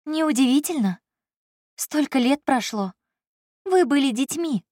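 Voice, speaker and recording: A woman narrator voicing a young, anxious and sharp-tongued woman, in a raised, brisk and teasing tone. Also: sits high, lively intonation, no echo, studio quality, pitched above the performer's own voice. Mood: incredulous. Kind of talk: audiobook character voice.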